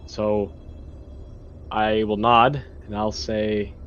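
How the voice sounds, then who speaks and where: A man's voice: lowish voice, level tone, drawn-out words, fairly bright tone, muffled recording, a little hiss or hum. A man playing a tabletop game, joking and hesitant. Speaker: player. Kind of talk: casual tabletop play.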